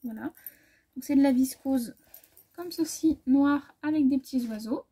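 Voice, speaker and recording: A French sewing vlogger chats casually through a fabric haul in a high, slightly slow voice. She rambles and corrects herself while measuring, often letting her words trail off softly.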